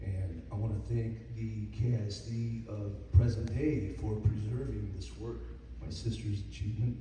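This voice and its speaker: A man's voice: on the low side, steady tone, moderate pace. A man in his forties giving a hesitant speech at a dedication, with a voice cracking from emotion and many fillers. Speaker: guest speaker at a dedication. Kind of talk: halting personal speech. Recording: echoey hall, mic far off, noisy.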